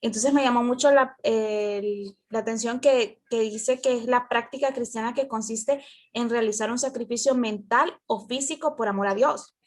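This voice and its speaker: A woman's voice: on the high side, normal speed, a little mellow. A woman, talking in a rambling, casual way over a video call, full of fillers and restarts. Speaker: Bible study group member. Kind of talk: casual group discussion.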